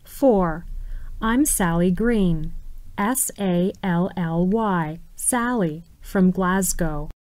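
A woman reading scripted dialogue for a listening exercise, enunciating clearly. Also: lowish voice, drawn-out words, a little mellow, no room sound, rough recording. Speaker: exam recording reader.

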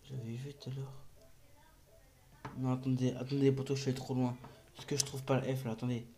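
A man's voice: medium pitch, flat delivery, a little fast, background noise. A man hosting a casual gaming tutorial vlog, hesitant and rambling, with many fillers and restarts, recorded on a phone. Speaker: gaming video host.

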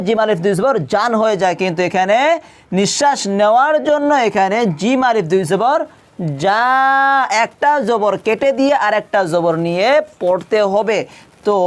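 In this tajweed lesson, a Quran teacher spells out every letter and vowel mark, then recites the verse in long, drawn-out tones. The voice is smooth and clear at a middle pitch, and the teacher keeps posing questions to listeners and answering them.

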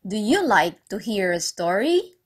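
A woman's voice: medium pitch, very animated, a little slow, heavy background noise. A woman teacher telling a story to young children, asking the class questions, repeating key words and praising their answers. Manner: praising, encouraging.

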